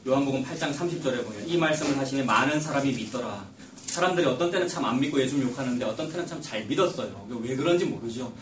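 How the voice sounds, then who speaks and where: A man preaching a sermon as pastor, emphatic and building to loud stresses. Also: medium pitch, expressive, quick pace, recorded from a distance, background noise. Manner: emphatic preaching, rising loud when quoting Jesus. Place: church sanctuary. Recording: echoey church recorded from afar.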